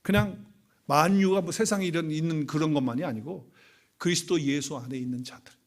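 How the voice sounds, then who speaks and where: Chatty storytelling pastor. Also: male voice, on the high side, fairly quick. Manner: conversational, storytelling, chuckling. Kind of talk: sermon. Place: church sanctuary.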